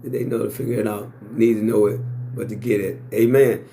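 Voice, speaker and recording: A man's voice: on the low side, steady tone, a little fast, dark tone, a little hiss or hum. A man in his sixties speaking in a blunt, boastful monologue to camera, swearing freely and repeating himself. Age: 60s. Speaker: vlogger.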